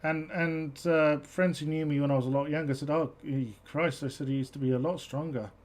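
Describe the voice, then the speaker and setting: A female show host with a deep, slightly mellow voice and a British accent carrying a slight South African twang chats casually at a brisk pace with fairly even intonation. She's hesitant, with lots of ums and restarts.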